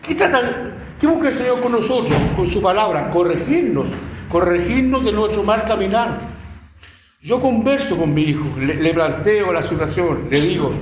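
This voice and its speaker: A middle-aged Chilean man preaches a sermon in a high voice, telling stories with plenty of feeling and repeating his words as he goes. His voice rings around an echoey room. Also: expressive, moderate pace, a little hiss or hum. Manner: emotional storytelling with many repeated words.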